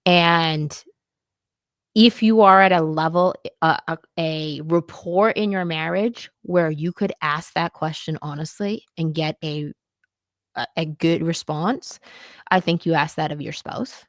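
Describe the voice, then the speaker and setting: A woman's voice: sits low, unhurried, no room sound, clean studio sound. A woman co-hosting a podcast, talking about marriage in an earnest, reflective way with loose, easygoing phrasing. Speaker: podcast co-host. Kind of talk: candid casual chat about marriage.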